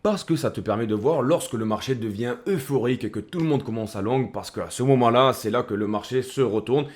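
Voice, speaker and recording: A man's voice: mid-range voice, brisk, darkish tone. A man hosting a casual crypto commentary, speaking in a chummy way that addresses the viewer as a buddy. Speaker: crypto video host.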